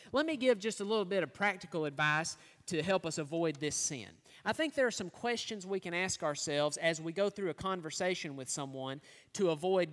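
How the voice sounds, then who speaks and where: A man's voice: fairly high pitch, a bit bright. A man preaching a sermon, teaching earnestly and asking his listeners rhetorical questions. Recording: long hall reverb.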